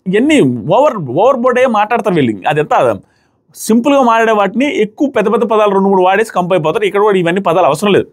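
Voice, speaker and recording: A man giving a casual, opinionated review of a reality show, retelling the arguments quickly and acting out what others said. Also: sits high. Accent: Telugu-speaking South Indian. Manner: fast, animated retelling, briefly mimics the people he quotes.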